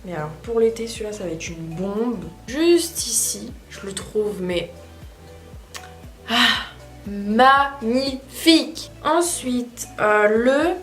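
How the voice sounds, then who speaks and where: A woman's voice: a little high, animated, takes it slowly. A woman chatting casually as a beauty vlogger while testing makeup, rambling with frequent hesitations. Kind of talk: casual makeup tutorial chat. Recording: echoey room with faint music.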